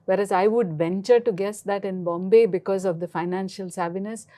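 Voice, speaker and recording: A woman's voice: mid-range voice, fairly even intonation, brisk, dark tone. A woman talking conversationally as a participant in a panel discussion.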